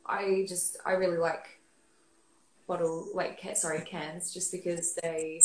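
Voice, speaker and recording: Speaking from her living room over a laptop webcam with roomy sound, an Australian guest expert in her 30s talks casually on a video call. Her fairly low voice is level, a little slow and mellow, full of fillers and restarts.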